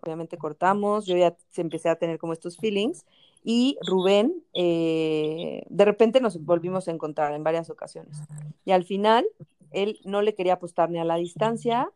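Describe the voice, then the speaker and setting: Young woman, Mexican accent, casual storytelling, filler-heavy, smooth clear voice, dry close sound. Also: fairly low pitch, normal speed, dark tone, no room sound. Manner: chatty, fillers like o sea and este, English words mixed in.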